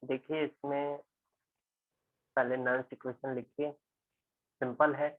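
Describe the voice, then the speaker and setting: A man's voice: mid-range voice, no echo. A man from India teaching chemistry, working a problem step by step, often checking whether students follow. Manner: steady teacher tone, asking students quick check questions. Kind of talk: explaining a physical chemistry problem in a recorded lecture. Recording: tinny, phone-like, dry sound.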